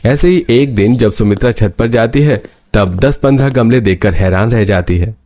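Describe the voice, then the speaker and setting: A man narrating a family cartoon story in a steady storytelling manner. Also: lowish voice, moderate pace.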